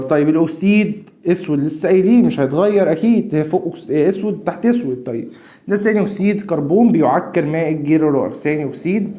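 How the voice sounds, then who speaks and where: A man's voice: fairly high pitch, dark tone. A man with an Egyptian accent teaching a chemistry lesson. He keeps repeating his questions so that students can finish them. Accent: Egyptian Arabic. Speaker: science teacher. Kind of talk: classroom lesson video.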